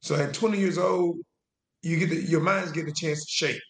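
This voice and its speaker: A man, a guest telling his story in a loose, halting way with restarts and trailing phrases. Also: on the high side, steady tone, a bit bright. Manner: casual Southern US speech, drawn-out and halting with restarts. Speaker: interview guest, veteran. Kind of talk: conversational storytelling. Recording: roomy echo.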